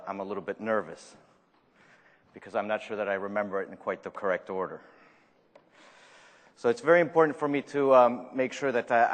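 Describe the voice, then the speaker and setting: Speaking a little on the low side, a French-accented man from Argentina, Spanish being his first language, delivers a live conference presentation. His manner is jokey and self-mocking, and he keeps asking the audience questions. The large conference room gives the recording a reverberant, hall-like sound.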